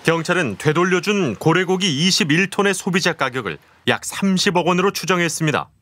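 A man narrating an investigative documentary in a measured, serious tone. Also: sits high, expressive, a bit bright, a little hiss or hum. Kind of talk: scripted narration. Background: music.

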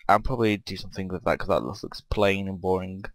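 In this let's-play clip, a man who hosts a gaming channel chats casually while building, wandering through his thoughts and quizzing himself aloud. The voice is low-pitched and steady, the pace quick, the recording dry.

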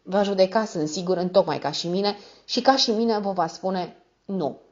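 A woman's voice: mid-range voice, muffled recording, close to an everyday voice. A woman reading the part of a cold, ironic middle-aged male notary with a dry, mock-modest manner.

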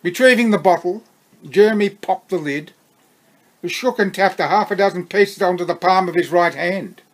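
A man with an Australian accent reading his own story aloud, unhurried, breaking off for chuckling asides. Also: high voice, low-quality recording.

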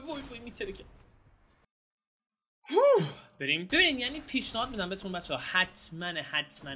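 A young man giving excitable, casual commentary while playing a video game, shouting and groaning at the action. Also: fairly high pitch, a little hiss or hum. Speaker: gameplay streamer. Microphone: home mic with some noise.

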